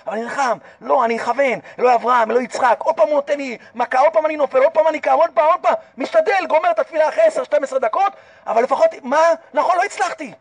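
An extremely high-pitched male voice, picked up by a distant mic with no echo, belongs to a rabbi preaching an impassioned Torah sermon. He keeps spurring his audience on through repeated appeals and rhetorical questions.

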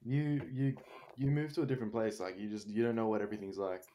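A man's voice: lowish voice, steady tone, fast, mellow, slight background noise. A teenage man, telling a story in a casual chat, laid-back and slangy. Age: teens. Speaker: student.

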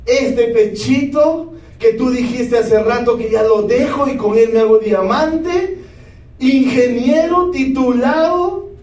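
A man in his thirties giving a lively motivational talk, keeps asking the audience yes or no. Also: very high voice, slow pace. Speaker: motivational speaker. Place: large hall with a live audience. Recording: echoey hall, speaker far from the mic.

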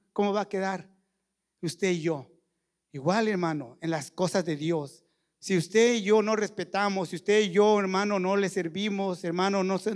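A man preaching a sermon in a small church, earnestly addressing the congregation and repeating "brother" over and over. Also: high voice. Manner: repeats "hermano" constantly, folksy and earnest.

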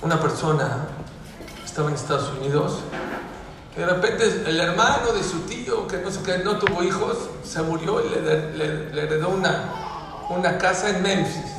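A man with a Mexican accent giving a sermon to young people, telling stories animatedly and rising to loud exhortation. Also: high-pitched, moderate pace, noisy background. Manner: animated storyteller who mimics the people in his stories; rises to loud, emphatic exhortation. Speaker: religious speaker addressing young people. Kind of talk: sermon with storytelling. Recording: echoey hall, voice from far off.

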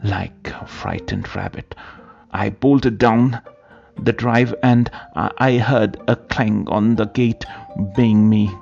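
A man reading a period story aloud in a slow, halting way, often repeating words. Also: fairly low pitch, big pitch swings, creaky, darkish tone, dull audio, soft background music. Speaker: narrator.

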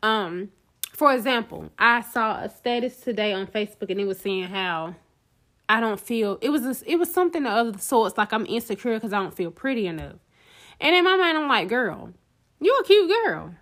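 A woman co-hosts a casual talk show, giving an encouraging pep talk in a slightly high, somewhat bright voice. She has lively intonation and a moderate pace.

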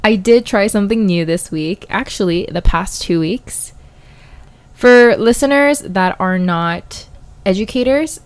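A woman's voice: on the low side, clean tone. A woman hosting a solo podcast in a casual, chatty, informal way, recorded indoors in an apartment hallway. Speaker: podcast host and science teacher.

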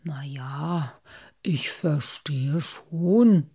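A woman doing a calm, low-voiced gnome man. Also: breathy edge, exaggerated voice. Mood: measured. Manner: low, slow, quiet. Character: calm, thoughtful male gnome, dry and measured.

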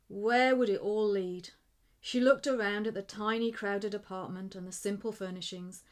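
Woman narrating a story. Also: mid-range voice.

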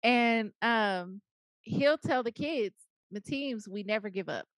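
A woman guest on an interview, telling stories in an animated, playful way and quoting herself. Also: on the high side, takes it slowly, no echo. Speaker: guest, media executive. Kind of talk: interview conversation.

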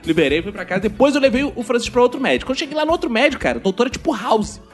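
A very high-voiced man with a Brazilian Portuguese accent hosts a casual comedic chat. He tells slangy, profane stories with big swings in pitch and a fast pace, over faint music. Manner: animated storytelling, slangy and profane. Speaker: podcast host.

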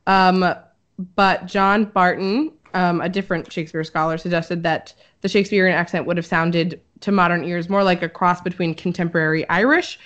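A woman's voice: lowish voice, fairly even intonation, normal speed, fairly bright tone. A woman co-hosting a podcast in casual chat, explaining at length with many "um"s. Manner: chatty, filler-heavy, explaining. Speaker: podcast co-host. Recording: dull lo-fi audio.

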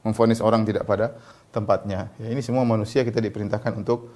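A man preaching a sermon, slowly chanting Arabic verses and then explaining them in a loose, everyday way with fillers. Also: fairly low pitch, level tone, warm tone. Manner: loose speech with fillers and colloquial asides. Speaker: Islamic preacher. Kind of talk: sermon with Quranic recitation.

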